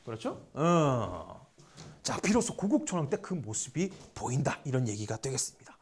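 A male history teacher lectures with a pitch that bounces up and down as he explains each point. He keeps throwing rhetorical questions at his class and slides between polite and casual speech. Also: very animated, normal speed, husky.

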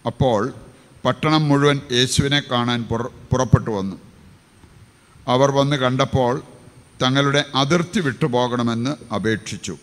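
Priest guy reading the gospel slow, big church reverb. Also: mid-range voice, a bit bright. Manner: slow deliberate proclamation.

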